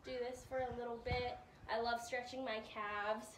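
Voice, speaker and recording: A young woman teacher leading warm-ups and stretches for kids, upbeat and a bit out of breath, checking in often. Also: on the high side, level tone, moderate pace, recorded from a distance, a little hiss or hum. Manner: upbeat coaching, checks in with "all right?". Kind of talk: guided exercise instruction.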